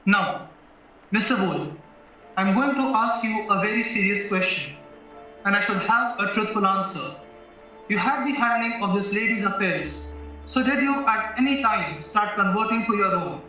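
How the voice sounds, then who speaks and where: A man's high, forceful voice brings an animated defence barrister to life in a courtroom audio drama, probing in a shrewd, formal, deliberate way with a serious tone. The sound is dull and heavily echoed, seemingly distant from the mic, with music in the background.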